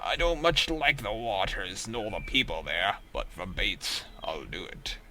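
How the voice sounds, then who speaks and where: A man's voice: lowish voice, lively intonation, measured pace, pushed and bright, heavily acted. A man voicing a crusty, salty male pirate ship captain in a silly put-on pirate accent, reading game dialogue. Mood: gruff hearty.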